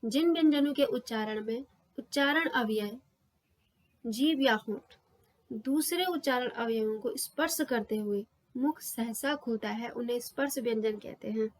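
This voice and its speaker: A woman's voice: a little high, a little slow. A woman teaching a grammar lesson for exam preparation, explaining patiently and sounding out letters one by one. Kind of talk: exam-prep lecture.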